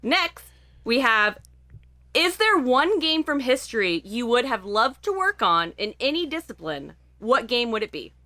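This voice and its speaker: A young woman co-hosts a casual gaming podcast. She sounds bright and animated, with a fairly high pitch, and she giggles and swears as she chats. Her voice is close and dry on the mic. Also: measured pace, no echo. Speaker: podcast co-host. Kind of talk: casual chat.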